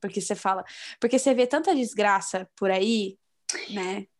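A woman in her thirties from Brazil speaks in a calm, measured way during a casual chat. Her voice has a middle pitch, and she stays reflective and steady as she talks. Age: 30s.

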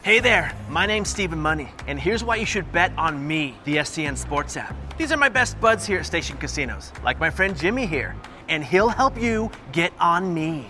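A man playing an upbeat talking app in a comic advertisement pitch. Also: big pitch swings, moderate pace, pushed and bright, soft background music. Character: upbeat talking male sports betting app.

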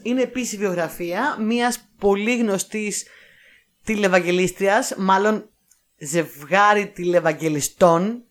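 A woman co-hosting a podcast, chatting casually about films and steering the talk back on track. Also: mid-range voice. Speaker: podcast co-host. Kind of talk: casual film review chat.

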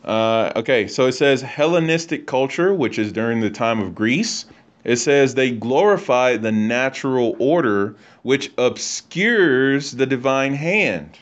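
A man's voice: medium pitch, expressive, measured pace. Man teaching over lo-fi stream audio. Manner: explanatory, reads and comments on texts. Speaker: host. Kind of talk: casual religious teaching on a livestream. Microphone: internet call/stream.

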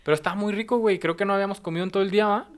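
A young man with a Mexican Spanish accent telling a story in casual podcast chat, animated and slangy, laughing as he goes. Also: high-pitched, rapid-fire.

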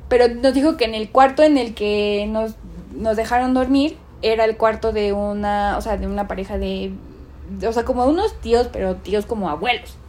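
A young woman tells a ghost story in casual chat. Her voice sits a bit high and she is animated, acting out the voices she quotes and leaning on lots of fillers.

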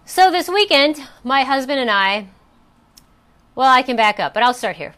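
A woman hosts a personal coaching talk in a high, smooth, clear voice. She tells a story conversationally, with fillers and restarts. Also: lively intonation, moderate pace, fairly bright tone. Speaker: host.

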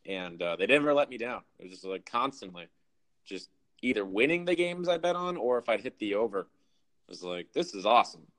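A man's voice: mid-range voice, lively intonation, fairly quick, a bit bright, dry recording. A North American man talking like a frat bro, crude and slangy, in casual sports chat as a podcast co-host.

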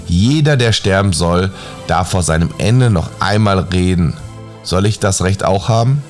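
A man's voice: low-pitched, unhurried, soft background music. A man voicing a loyal old servant who pleads earnestly, in a bedtime fairy tale reading. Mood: pleading.

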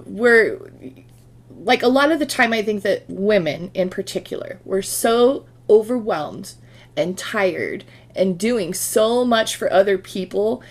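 A woman's voice: medium pitch, expressive, slow. A woman hosting a podcast, speaking in a reflective, relatable conversational way. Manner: reflective, relatable, thinks aloud with fillers. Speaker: podcast host. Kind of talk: conversational interview.

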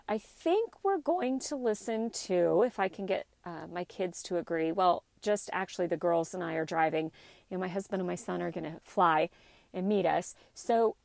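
A middle-aged woman hosts her podcast in a loose, rambling way, restarting sentences as she goes. Her voice has a gravelly, creaky texture. It is recorded close and dry, with no room sound around it. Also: medium pitch, dry recording. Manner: chatty, rambling, with frequent restarts and fillers. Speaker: podcast host; teacher. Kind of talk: casual solo podcast talk.

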